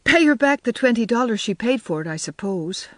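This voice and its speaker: A reader voicing an imaginative, talkative young woman in an audiobook, speaking in a wistful, gushing way with lifted pitch. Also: sing-song, fairly quick, no echo, close to an everyday voice. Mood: dreamy, eager. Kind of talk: audiobook character voice.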